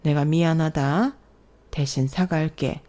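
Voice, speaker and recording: Woman voicing a kind older father-in-law, low soft voice, slow, consoling, mellow tone, audio storybook. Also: fairly even intonation.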